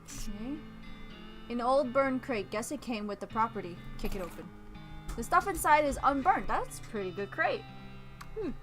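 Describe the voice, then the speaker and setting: A high-pitched woman with a very lively, swooping voice chats through a game stream, giggling often and reading the on-screen text aloud. Game music plays behind her. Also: moderate pace, long pauses. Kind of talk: casual let's-play chat.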